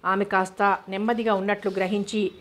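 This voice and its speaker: A woman reads a novel aloud in an even, steady manner. Her pitch stays flat and level, sitting in the middle of a woman's range. The delivery is calm audiobook narration. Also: a little fast. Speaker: novel reader.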